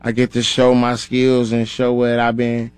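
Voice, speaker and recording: A man's voice: medium pitch, monotone, measured pace, a little mellow, clear, resonant tone, no echo. A male rapper in his thirties, a radio guest from Minnesota, talking casually and laid-back with lots of slang. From Minnesota, grew up in Atlanta. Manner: laid-back, slangy, says "you know what I'm saying" often. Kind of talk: casual interview.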